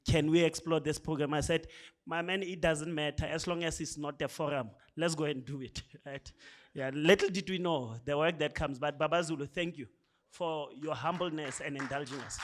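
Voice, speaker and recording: A South African man speaks to a room at a launch event. His voice sits a little high and his delivery is loose and conversational. He keeps nudging the audience along with a quick "right?". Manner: conversational, often tags lines with "right?". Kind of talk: speech at a programme launch.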